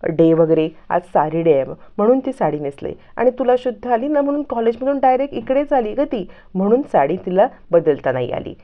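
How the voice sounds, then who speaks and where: A woman voicing a calm older man who smooths over an awkward moment with a ready explanation. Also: a little high, brisk, few pauses, narrow, tinny audio, voice pushed up. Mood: soothing. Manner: soothing, explaining.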